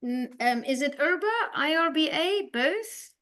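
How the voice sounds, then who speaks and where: A woman's voice: sits high, animated, unhurried, a bit bright. Friendly woman hosting a webinar. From South Africa. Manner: friendly, reads out chat messages. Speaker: webinar host, company CEO. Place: online webinar.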